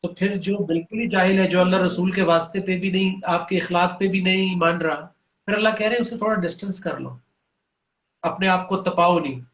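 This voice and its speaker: This man's voice sits high, steady and fairly bright, in an echoey room. Speaking as a religion guest, he patiently and earnestly explains Quranic teaching and recites brief Arabic verses as he goes.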